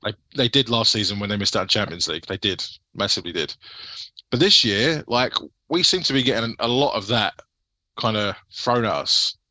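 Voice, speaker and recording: A man's voice: fairly low pitch, lively intonation, brisk, bright, forceful tone, no echo, low-quality recording. A British man in casual, sweary football chat, putting points and questions to fellow fans. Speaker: football fan podcast panellist putting questions.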